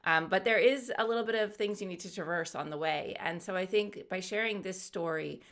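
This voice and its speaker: Gravelly-voiced woman telling a story. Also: mid-range voice, brisk, a bit bright. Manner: casual, chatty, with fillers like "um" and "like". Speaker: YouTube coach. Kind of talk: guided imagery storytelling.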